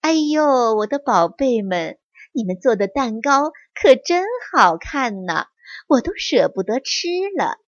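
A woman's voice: on the high side, very animated, measured pace, no room sound. A woman voicing a kind mother mouse, affectionate and cooing. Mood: doting. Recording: dry, slightly muffled.

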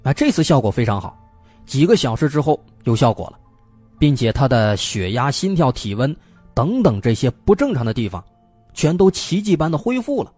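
A man's voice: medium pitch, sing-song, normal speed, darkish tone, breathy edge, dry recording, soft background music. A man hosting a mystery story show, telling it in a chatty, suspense-building way with lots of filler particles. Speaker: storyteller host. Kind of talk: casual spoken storytelling of an unsolved mystery.

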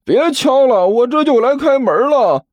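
A man's voice: on the high side, sing-song, measured pace, no echo, dull audio, pitched above the performer's own voice. A male narrator voicing a meek young male apprentice who stammers and answers hesitantly in an audiobook story. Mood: annoyed.

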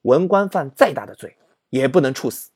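A man narrating history as a comic story, animated and exaggerated. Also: medium pitch, normal speed, slightly rough, no echo, studio quality.

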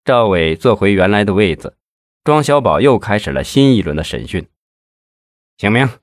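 A man narrating a crime novel in a lively storytelling manner. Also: fairly low pitch, a little fast, dry recording, studio quality. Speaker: audiobook narrator. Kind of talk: scripted narration.

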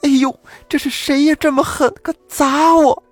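A man voicing a vicious, shrill young wife who scolds and screeches. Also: steady tone, normal speed, no room sound. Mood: pained.

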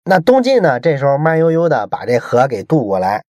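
A man's voice: mid-range voice, huge pitch swings, a little fast, a little mellow, no echo. A man explaining a book in a chatty storytelling way, with many rhetorical questions to the listener. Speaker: book commentator.

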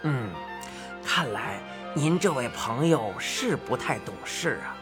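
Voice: medium pitch, big pitch swings, unhurried, music in the background, pitched below the performer's own voice. A narrator doing a sly, chuckling old man. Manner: chuckling and ingratiating. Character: sly, smooth-talking odd old man. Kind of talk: audiobook character voice.

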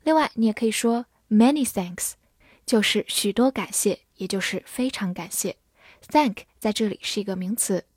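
A woman teaching English vocabulary in a patient, methodical way, spelling words letter by letter and reading sentences slowly. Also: mid-range voice, darkish tone, breathy edge, no echo, studio quality. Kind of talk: vocabulary lesson, spelling and slow read-alongs.

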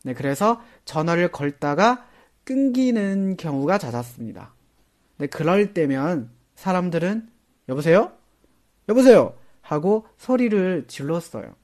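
A man giving a chatty, casual lesson, often starting phrases with a soft "ne". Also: high voice, sing-song, a little slow. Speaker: Korean language teacher.

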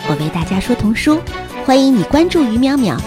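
A woman reading children's stories aloud in a lively, sing-song storybook narration. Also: sits high, a little fast, music in the background.

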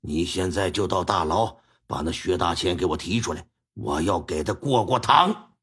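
Male storyteller as a harsh old-time magistrate: gruff, commanding, husky edge. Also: deep voice, expressive, normal speed, a bit bright, pitched below the performer's own voice, exaggerated voice. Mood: stern. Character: stern ruthless male county magistrate.

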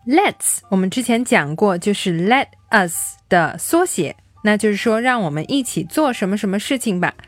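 A woman teaching young children simple English phrases, explaining words and repeating them slowly for practice. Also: medium pitch, sing-song, no echo, faint music behind. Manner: slow, drilled repetition of English words.

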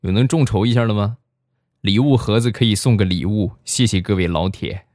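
A young man hosting a show, telling funny stories in a lively, chuckling manner. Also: fairly low pitch, brisk, very noisy. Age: young adult. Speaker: host. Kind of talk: comedic storytelling monologue.

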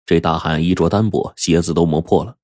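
Deep husky male storyteller. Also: fairly quick, no echo, clean studio sound. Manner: lively, expressive, colloquial. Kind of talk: traditional storytelling narration.

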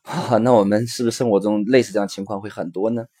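Husky guy running a parenting class podcast, lots of ums, acts out the little stories. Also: fairly low pitch, steady tone, fast talker, mellow. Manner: earnest teaching tone with frequent fillers; acts out the dialogue of his examples. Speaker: parenting educator and podcast host. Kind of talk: recorded parenting lesson.

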